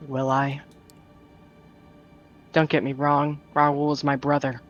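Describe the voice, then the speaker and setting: A man's voice: medium pitch, completely flat delivery, slow pace, dull audio, soft background music, natural voice. A man voicing a weary lonely vampire woman. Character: young lonely wary female vampire drifter. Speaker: streamer voicing a character. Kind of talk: reading a visual novel aloud.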